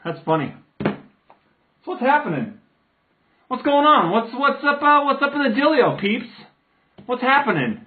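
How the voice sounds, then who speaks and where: A man live-streaming to viewers, chatting loudly and rambling with restarts and jokes. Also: very high-pitched, big pitch swings, normal speed, pauses often. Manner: loud, joking, rambling with restarts; ranting. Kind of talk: casual live-stream chat. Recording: tinny phone-like sound.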